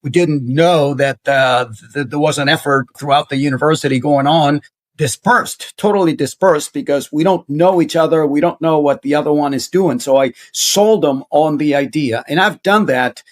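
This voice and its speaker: A man's voice: on the high side, moderate pace. A man, a guest in an interview, telling stories earnestly with many hesitations and fillers. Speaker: guest, university center director. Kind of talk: conversational interview storytelling.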